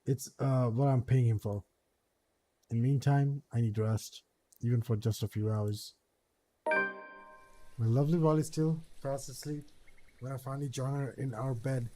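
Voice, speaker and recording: A man's voice: medium pitch, steady tone, unhurried, pauses often, warm tone, soft background music. A man casually reading game text aloud, often stumbling over words and restarting them.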